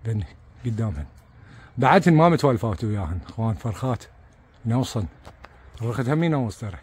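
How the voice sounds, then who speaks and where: A man with an Iraqi accent giving casual, excitable commentary to viewers as he films his pigeons outdoors, repeating words and dropping religious blessings. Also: medium pitch, fast, slightly rough. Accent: Iraqi Arabic. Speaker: pigeon keeper filming his birds.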